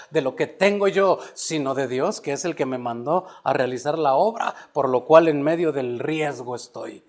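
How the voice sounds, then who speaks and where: A man preaching a sermon, moving from quiet storytelling to loud emphatic peaks and calling listeners "brother". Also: fairly high pitch. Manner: addresses listeners as "hermano". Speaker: pastor.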